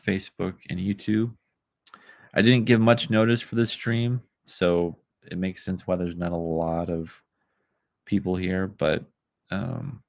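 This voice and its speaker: Guy on a crappy quality livestream, deep gravelly voice, rambles with tons of ums, dry sound. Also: darkish tone, no room sound. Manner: rambling, halting, full of ums and restarts. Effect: poor-quality livestream audio. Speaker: livestreamer promoting his crowdfunding campaign. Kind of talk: casual livestream chat. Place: a makeshift spot away from his usual setup.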